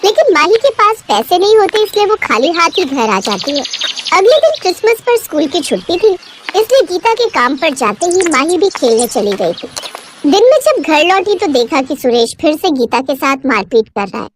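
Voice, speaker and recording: High-voiced woman narrating a cartoon. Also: big pitch swings, moderate pace, background noise. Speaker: storyteller.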